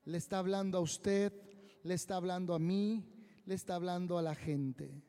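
Male preacher, high voice, unhurried emphatic sermon delivery, reverberant hall. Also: steady tone, mellow, clear, resonant tone. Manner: slow, emphatic preaching with drawn-out phrases. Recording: long reverb of a large hall.

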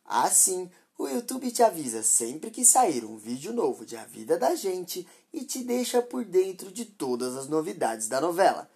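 A woman narrating a dramatic story and hosting her channel, in an expressive way. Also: fairly low pitch, slightly rough.

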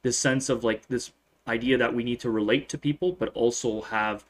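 A man who is a priest hosts an interview show. His voice sits at an ordinary middle pitch. He asks questions in a friendly, conversational way. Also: fairly even intonation, normal speed. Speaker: priest and program host. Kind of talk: interview hosting.

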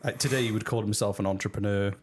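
British guy on a podcast, lowish voice, jokey and laughing a lot. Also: steady tone, rapid-fire, a little hiss or hum. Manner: jokey, laughs often, many restarts. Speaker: podcast host. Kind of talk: casual podcast chat.

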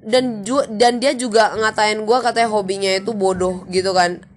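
A woman's voice: mid-range voice, fairly even intonation, moderate pace. A young woman, telling a story in a chatty, slangy vlog with exasperated venting. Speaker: vlogger.

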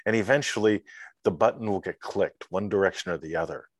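A man chatting on a podcast as a guest mentor, telling stories with lively acted-out scenes and sound effects. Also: sits low, brisk, no echo. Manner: animated storyteller, acts out scenes with sound effects. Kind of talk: casual podcast chat.

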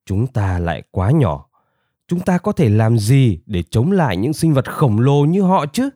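A man voicing the oldest and wisest male rabbit in a storybook, slow and resigned. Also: medium pitch, sing-song, mellow, dry recording, clean studio sound.

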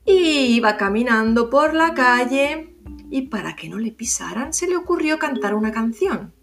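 A middle-aged woman tells a children's story in an expressive, unhurried way. Her voice has a gravelly grain, and faint music plays under the narration. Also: a little high. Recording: music bed.

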